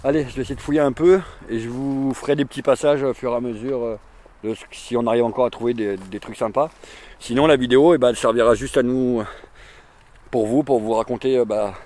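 A man's voice: mid-range voice, fairly quick, darkish tone. Chatty man filming outdoors. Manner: chatty, rambling, many fillers and repeats. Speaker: urban explorer vlogger. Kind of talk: casual walking commentary to camera. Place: outdoors at an abandoned burned campsite. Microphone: handheld or chest action camera.

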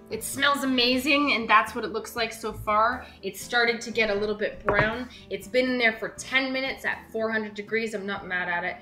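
A woman's voice: mid-range voice, sharp tone. A young woman hosting a home cooking show, chatting upbeat and casual as she works at the counter of a large kitchen. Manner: chatty, upbeat, talks while working with her hands. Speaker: web cooking show host. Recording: echoey kitchen with light background music.

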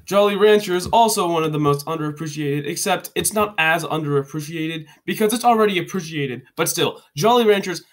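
A stuffed-up young vlogger briskly runs through candy rankings at his home webcam, barely pausing. His fairly high voice carries a joking, rambling, self-correcting style of casual commentary.

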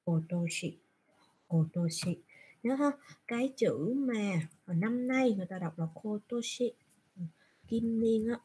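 A woman's voice: fairly high pitch, unhurried, mellow, slightly rough. A woman teaching Japanese in an online class, patiently asking questions and answering them herself. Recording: screen recording from a browser.

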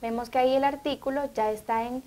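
A woman with a Honduran Spanish accent co-hosts a studio TV show. Her voice sits a bit high, and she reads out questions and announcements in a clear, bright manner. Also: steady tone, fast. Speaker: TV co-host. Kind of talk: educational TV talk.

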